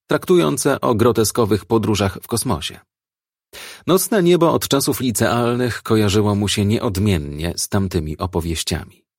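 A man reading a crime novel aloud as an audiobook narrator, in a steady, measured way. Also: fairly low pitch, husky, no echo, studio quality.

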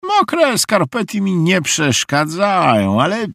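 A man reading an audiobook, voicing an eccentric, cheerful old woman stranger in a high, slow, drawn-out voice. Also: wildly swooping pitch, creaky, sharp tone, no echo, clean studio sound, heavily acted. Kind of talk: audiobook character voice.

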